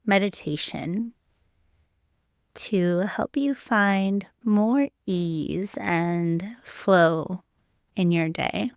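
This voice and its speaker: In studio-quality audio with no echo, a lowish-voiced woman leads a guided meditation. She keeps it soothing and unhurried, letting long pauses fall between short phrases.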